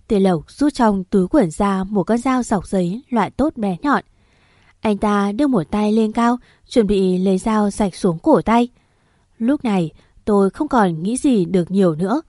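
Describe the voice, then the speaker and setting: A woman's voice: mid-range voice, a little slow, mellow, dry recording, studio quality. A woman narrating a dramatic story in the first person.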